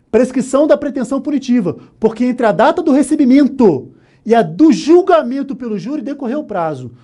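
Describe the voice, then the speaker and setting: Mellow-voiced Brazilian law lecturer. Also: male voice, sits high. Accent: Brazilian Portuguese. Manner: explains step by step, often asking "né?", "ok?", "tá?". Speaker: law instructor. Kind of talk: exam-prep lecture. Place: online course studio.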